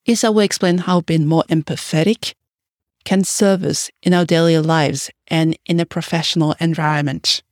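A woman's voice: sits low, fairly even intonation, normal speed, dry recording, clean studio sound. A woman hosting a business podcast, reading a scripted welcome and then asking her guest conversational questions. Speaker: podcast host. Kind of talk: podcast interview.

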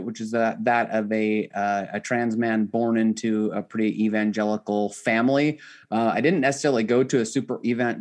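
A man chatting casually as a podcast guest, explaining things in a halting, thinking-aloud way. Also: fairly low pitch. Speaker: podcast guest, author and spiritual coach. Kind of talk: casual interview chat.

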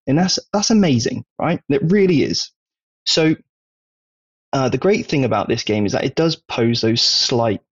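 A man with a Wiltshire accent talks through his ideas on a casual podcast, often pausing to check in with "okay?". His voice is husky and a little breathy. The recording sounds dull and lo-fi. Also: medium pitch. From Wiltshire, England. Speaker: podcast co-host.

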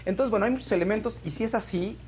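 Mexican-accented co-host, rapid delivery, chatty news banter over faint background noise. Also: medium pitch, a little mellow. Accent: Mexican Spanish. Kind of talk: casual news commentary and banter.

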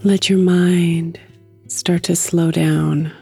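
Casting: female meditation host, low-pitched and very unhurried, soft soothing delivery. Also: little pitch movement, creaky, breathy edge, soft background music. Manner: soft, soothing, with long pauses. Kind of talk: guided meditation narration.

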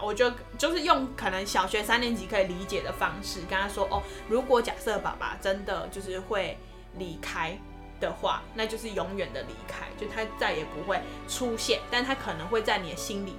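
A young adult woman, a nurse telling a story in a casual podcast chat, expressive and animated. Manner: expressive storyteller, lively swings in pitch.

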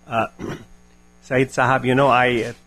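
An older man with an Indian accent giving reflective answers at a public talk, measured and solemn with long deliberate pauses. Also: mid-range voice, flat delivery, fairly bright tone, faint music behind. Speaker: guest speaker.

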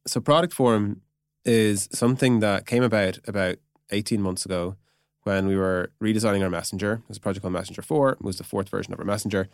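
A man with a lowish voice, a product executive appearing as a podcast guest, explains things in a casual, chatty way, peppering his speech with "like" and "you know". He talks fast in a steady tone, and the sound is clean studio audio with no room sound.

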